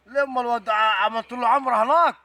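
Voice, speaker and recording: A man's voice: very high voice, fairly even intonation, quick pace, sharp tone, no echo. A man playing a scolding old farmer. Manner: scolding, threatening. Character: gruff elderly farmer guarding his clover.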